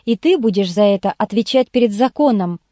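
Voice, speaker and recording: A woman's voice: mid-range voice, animated, a little fast, mellow, dry recording, clean studio sound, lightly acted. A woman reading the lines of a blunt male journalist questioning a suspect in an audiobook. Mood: interrogating. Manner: harsh, interrogating.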